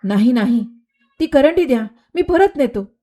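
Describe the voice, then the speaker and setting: A woman's voice: on the high side, lively intonation, measured pace, dark tone, voice pushed up. A woman playing a panicky village gardener. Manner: panicky, pleading, stammering. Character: frightened male village gardener.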